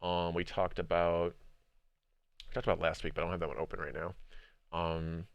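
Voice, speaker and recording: A man streamer chatting casually about a video game, rambling, repeating words and filling gaps with ums and likes, getting animated when making a point. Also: sits low, normal speed, gravelly, clear, resonant tone, dry recording, muffled recording. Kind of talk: casual livestream game discussion.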